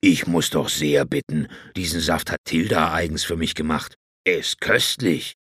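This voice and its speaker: A man voicing a fussy, prim older gentleman uncle who scolds and corrects. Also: extremely low pitch, normal speed, breathy edge, no room sound, clean studio sound, exaggerated voice.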